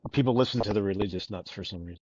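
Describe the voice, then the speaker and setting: A man's voice: on the low side, rapid-fire, a little mellow, no echo. A man co-hosting a podcast, talking loosely about a book, rambling, joking and swearing a lot. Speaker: podcast co-host. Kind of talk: casual book discussion. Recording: dull lo-fi recording.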